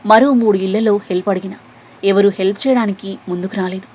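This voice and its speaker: A woman narrates an emotional serialized story with a breathy, airy tone. She carries the plot along and slips into the characters' lines as she goes. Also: medium pitch, steady tone, quick pace, a little mellow, muffled recording. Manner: voices the characters' quoted lines herself.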